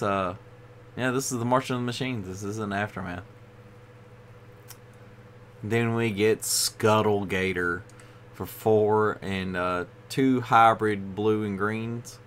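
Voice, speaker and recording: Laid-back low-voiced man reviewing cards. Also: a bit bright, a little hiss or hum. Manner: rambling, with frequent "you know" fillers. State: tired, yawning. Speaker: card game video host. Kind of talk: casual card review.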